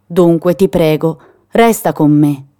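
A woman's voice: low voice, takes it slowly, warm tone. Caring mother goat for a storybook, earnest and admonishing, read by a woman. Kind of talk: storybook reading.

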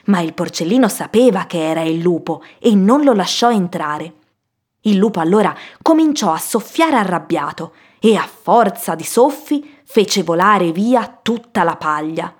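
Lively woman reading a children's story. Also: fairly low pitch, measured pace, slightly rough. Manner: lively, expressive telling.

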